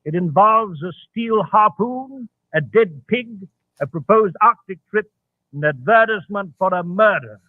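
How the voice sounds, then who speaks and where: An actor playing a genial, admiring gentleman doctor, a detective's loyal companion, in 1940s radio drama style. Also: high-pitched, expressive, measured pace, no room sound. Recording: tinny, dry vintage radio recording.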